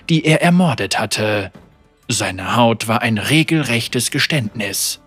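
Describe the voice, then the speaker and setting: A man reading an audiobook story as narrator, with measured, vivid storytelling. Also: mid-range voice, fairly bright tone. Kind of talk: scripted narration.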